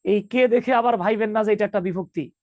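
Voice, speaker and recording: A man's voice: sits high, fairly quick, dry recording, dull audio. A man teaching an online English grammar class, joking with students and calling them 'baba'.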